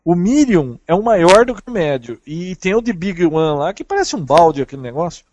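A man with a Brazilian Portuguese accent chatting over a call, telling lively travel stories in an animated way. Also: high-pitched, moderate pace, lo-fi sound, a little hiss or hum. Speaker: traveling podcast guest. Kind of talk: casual chat over a call.

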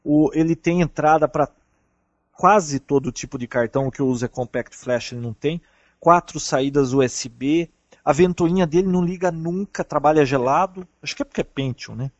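A man's voice: fairly high pitch, moderate pace, no room sound, muffled recording. Chatty Brazilian man telling travel stories. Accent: Brazilian Portuguese. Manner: chatty, animated storyteller. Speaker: traveling podcast guest. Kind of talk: casual chat over a call.

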